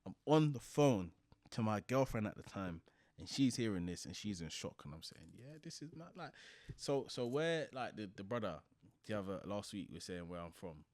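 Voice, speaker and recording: A man's voice: fairly low pitch, lively intonation, normal speed, a little mellow, no room sound. A man with a South London accent telling stories in slangy casual chat, repeating phrases for emphasis. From Croydon, South London. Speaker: podcast host. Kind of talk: casual chat, animated anecdotes.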